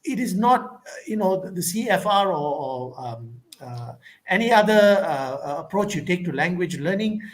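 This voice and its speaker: A conference speaker with a Malaysian accent answers an academic Q&A question thoughtfully, his voice high and expressive at normal speed. His answer is full of fillers and restarts.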